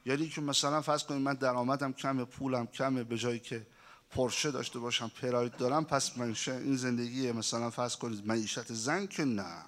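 A male preacher giving a sermon, telling stories and acting out their dialogue. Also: mid-range voice. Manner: animated storyteller who acts out dialogue. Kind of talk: sermon with storytelling.

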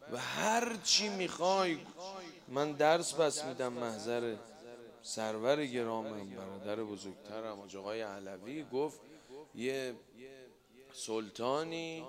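A man leading a mosque gathering as a religious eulogist, chanting devotional verse and telling folksy stories to the crowd. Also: mid-range voice. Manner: loud melismatic chanting, lively folksy storytelling, joking with the crowd.

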